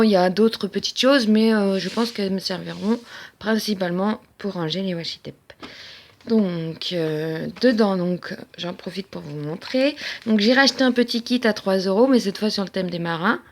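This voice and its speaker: Chatty woman with a gravelly voice. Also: mid-range voice. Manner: chatty, hesitant with many fillers. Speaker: crafting vlogger. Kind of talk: casual haul show-and-tell. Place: at home.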